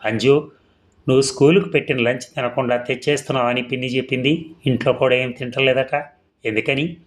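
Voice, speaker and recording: A man's voice: mid-range voice, steady tone, a little fast, voice pushed up, lightly acted. A man voicing an awkward, evasive middle-aged father with a coaxing manner. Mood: stern.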